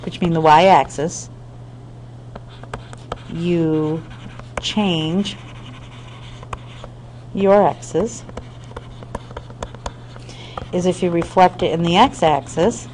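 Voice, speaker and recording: A woman's voice: lowish voice, fairly even intonation, very slow, long pauses, a little mellow, a little hiss or hum, rough recording. A woman math teacher explaining a lesson step by step, often checking in with her students. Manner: patient step-by-step explaining with frequent check-ins; talks to students directly. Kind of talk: screen-recorded math lesson.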